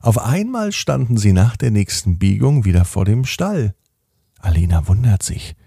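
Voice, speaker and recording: A man reading a bedtime story aloud in a slow, gentle, expressive way. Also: on the low side, vocal fry, slightly rough, no echo, studio quality.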